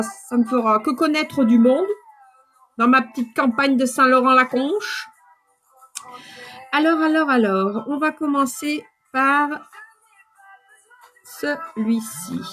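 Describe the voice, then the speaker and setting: High-voiced woman in her fifties rambling thru a live makeup demo, sniffly, soft music behind. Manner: chatty, rambling, talks straight to viewers. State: runny nose. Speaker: makeup seller doing a live video.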